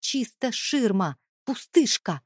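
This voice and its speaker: A woman's voice: a little high, expressive, a little slow, husky, dry recording, clean studio sound, voice pushed up. A woman playing a furious, defiant wife. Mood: shouting. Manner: raised, shouting accusations.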